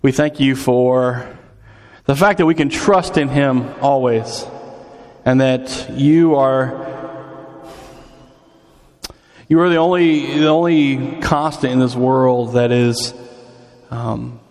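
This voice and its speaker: A man's voice: medium pitch, slow, long pauses, a little mellow. A man in his forties preaching a sermon in a church hall, chatty and quizzing the congregation, his voice echoing through a big hall. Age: 40s. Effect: big hall echo. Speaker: pastor. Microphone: PA microphone. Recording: reverberant hall.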